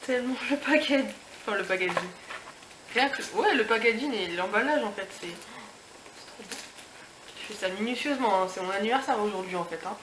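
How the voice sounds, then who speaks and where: A woman's voice: mid-range voice, fairly quick. A young woman vlogger chatting casually through an unboxing review, gushing over the item, with many fillers and restarts. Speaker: beauty and lifestyle vlogger. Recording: echoey room with background noise.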